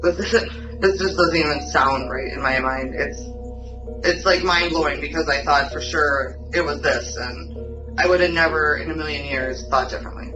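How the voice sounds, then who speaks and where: A woman's voice: low voice, normal speed. A woman answering police questions as a suspect, defensive and pleading, repeating herself insistently. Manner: insistent, repetitive denials. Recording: muffled, distant interrogation recording, music behind.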